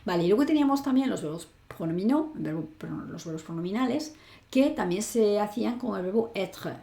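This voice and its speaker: A woman's voice: medium pitch, vocal fry, dark tone, echoey room. A woman who speaks Spanish natively, teaching French grammar in an online lesson, patient and step by step, checking in often. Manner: patient, explains step by step with frequent "¿vale?".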